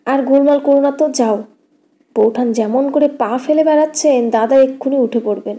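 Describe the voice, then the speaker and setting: A woman's voice: high-pitched, normal speed, warm tone, close to an everyday voice. A woman voicing a weary young husband, a lawyer, who complains in a mild, tired way.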